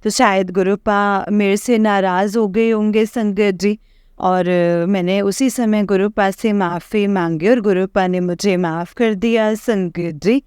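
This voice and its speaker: A woman's voice: medium pitch, fairly even intonation, a little slow, darkish tone, clean tone, dry recording, clean studio sound. A woman telling a rambling personal testimony to a congregation, full of hesitant fillers and repeated address to her listeners. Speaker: devotee sharing a testimony.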